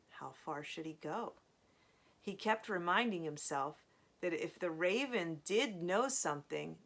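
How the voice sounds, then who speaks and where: A woman reading a novel aloud in a slow, measured storytelling manner, with casual asides between chapters. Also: lowish voice, sharp tone. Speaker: reader of a novel.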